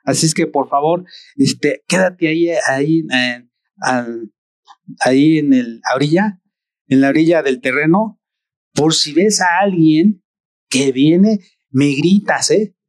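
Un hombre que hace la voz de un padre que roba sandías, con tono desconcertado e interrogante. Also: male voice, fairly high pitch, takes it slowly, no room sound, clean studio sound. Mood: instructing. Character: father out stealing watermelons, puzzled.

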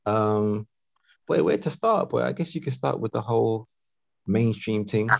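Man, low voice, London roadman accent, slangy podcast host, casual chat, dry close sound. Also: unhurried, gravelly, a little mellow, no echo. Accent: London, urban street. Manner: street-slang roadman talk.

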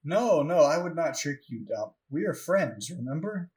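A man's voice: a little high, very animated, normal speed, darkish tone, pitched above the performer's own voice. A man playing a small, sly male companion who insistently plants ideas in a brute's ear. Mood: scheming. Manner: insistent, scheming, plain-spoken.

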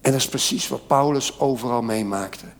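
A man's voice: medium pitch, moderate pace. A man preaching a sermon as pastor, fervent and building emphasis as he explains scripture. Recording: long church hall reverb.

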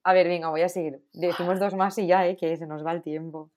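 Una mujer con acento de España, copresentadora de un pódcast, en charla informal; habla con franqueza y énfasis, enumerando lo que no soporta. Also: female voice, on the low side, steady tone, fairly quick, over a noisy crowd. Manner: emphatic, candid, complains at length. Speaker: podcast co-host. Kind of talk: casual chat.

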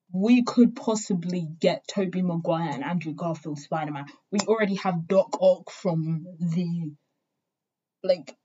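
A woman's voice: on the low side, mellow, breathy edge. A young woman vlogging in a casual, rambling way, full of fillers and cheerful swearing. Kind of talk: casual rambling fan talk. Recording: dull lo-fi recording.

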